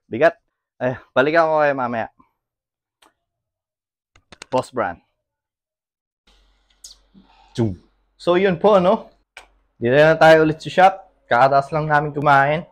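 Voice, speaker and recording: A man's voice: fairly high pitch, a little slow, pauses often. Man, from the Philippines, casual vlog chat, laughs a lot, out of breath, easygoing shop owner. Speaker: computer shop owner and vlogger. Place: computer shop.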